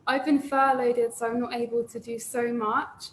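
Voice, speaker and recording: Quiet woman on a call, flat voice, little hiss behind. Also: fairly high pitch, normal speed, echoey room, rough recording. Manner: soft-spoken, quiet. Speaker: yoga teacher. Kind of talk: video call update.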